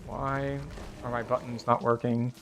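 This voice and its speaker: A man's voice: medium pitch, flat delivery, unhurried, background noise. A man giving casual gameplay commentary, often muttering to himself. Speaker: gamer playing and commenting.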